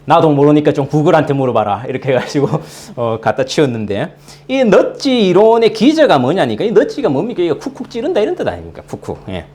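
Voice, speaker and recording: A male pastor giving a Sunday sermon in a conversational, animated way, acting out little everyday scenes. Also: sits high, brisk. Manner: conversational, animated preaching with acted-out asides. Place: church in London.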